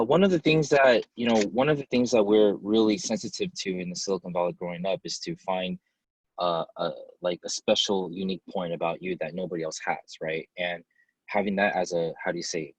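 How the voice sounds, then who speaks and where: A man who grew up in the United States answers interview questions as a company head. His voice is very low, his delivery loose and chatty with fillers. The sound is dry and close. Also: steady tone, fairly quick, breathy edge, no room sound, rough recording. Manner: conversational, many fillers and restarts. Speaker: company CEO, guest. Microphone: video call.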